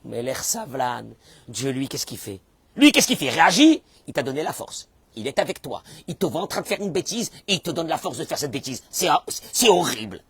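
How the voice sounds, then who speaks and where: A man preaching a sermon in as a rabbi, acting out the people he quotes and suddenly bursting into shouts. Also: medium pitch, big pitch swings, brisk, husky, no echo. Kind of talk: animated sermon.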